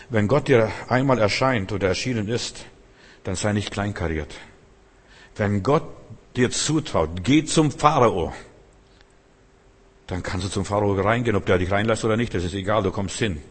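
Husky-voiced man preaching in a hall. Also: on the low side, moderate pace. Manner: earnest, exhorting, addresses the listener directly. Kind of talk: sermon. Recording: long hall reverb.

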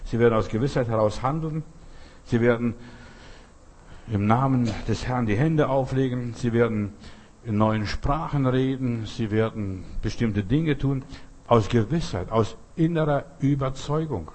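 A man preaching a sermon, emphatic and repetitive, building to loud outbursts. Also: medium pitch, a little slow, slight background noise.

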